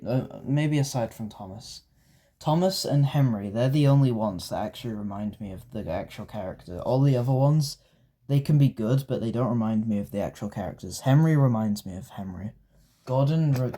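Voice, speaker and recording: Rambling, excitable young man with a dark voice. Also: lowish voice. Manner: rambling and excitable, gushing, with frequent fillers and restarts. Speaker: toy collector reviewing die-cast trains. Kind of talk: casual review vlog.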